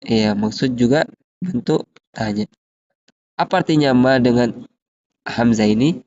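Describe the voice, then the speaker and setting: A man, teaching an Arabic lesson, reading example phrases slowly and explaining them patiently. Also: mid-range voice, highs cut off, a little hiss or hum. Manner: slow, drawn-out drill reading of example phrases, then steady explaining.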